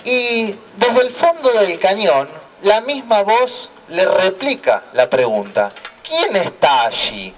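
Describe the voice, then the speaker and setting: Lively high-voiced man preaching slowly. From Argentina. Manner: slow, deliberate storytelling with repeated refrain. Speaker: church speaker. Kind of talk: preaching talk. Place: outdoor town square. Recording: voice heard from a distance.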